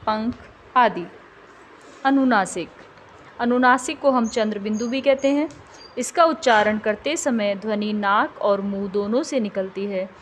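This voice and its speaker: High-voiced woman teaching a grammar lesson. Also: a little hiss or hum. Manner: slow, carefully drawn-out example words. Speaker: tutor. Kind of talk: scripted grammar lesson narration.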